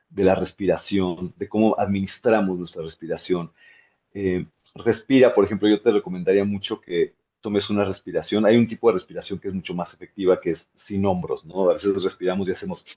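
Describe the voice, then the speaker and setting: Guy voice coach giving a masterclass, lowish mellow voice, animated, repeats stuff for emphasis. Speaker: voice and speaking coach. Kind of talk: masterclass teaching.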